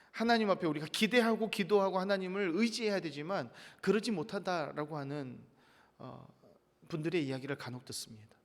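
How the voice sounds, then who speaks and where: A pastor with a high, light voice delivers an earnest dawn sermon, lifting his tone when he reads scripture aloud. His words ring out with a long church reverb trailing behind each phrase. He speaks as a man leading his congregation in prayerful reflection. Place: church sanctuary.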